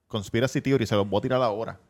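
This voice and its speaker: A man's voice: medium pitch, rapid-fire, darkish tone. A man with a Puerto Rican accent, hosting a casual podcast in a crude, mocking, ranting way. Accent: Puerto Rican Spanish. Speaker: podcast host.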